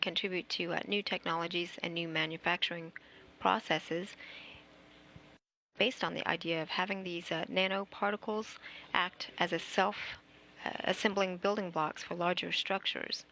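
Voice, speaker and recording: A woman working as a mission control commentator, giving measured, formal live broadcast narration. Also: fairly low pitch, steady tone, pushed and bright, a little hiss or hum. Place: space station flight control room.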